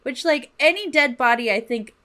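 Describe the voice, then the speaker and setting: This woman's voice sits high, with a sharp tone and normal speed. As a podcast co-host, she works from notes to tell a true crime story, keeping it casual and slangy and swearing now and then.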